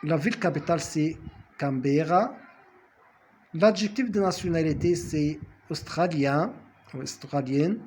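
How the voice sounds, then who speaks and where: A man teaching a French lesson, speaking deliberately, repeating words and correcting himself with fillers. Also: fairly high pitch, darkish tone. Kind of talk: language lesson.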